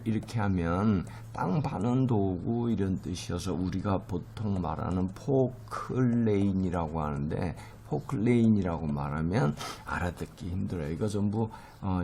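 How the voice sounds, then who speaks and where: A man's voice: low voice, lively intonation, unhurried, vocal fry, few pauses, mellow, slight background noise. A middle-aged man teaching a recorded lecture, explaining terms patiently with many fillers and stressing English words strongly.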